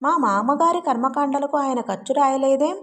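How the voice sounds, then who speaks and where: A woman's voice: sits high, normal speed, a bit bright. A woman voicing a sarcastic, scheming grown husband with a sulky, pleading manner, in a story read aloud.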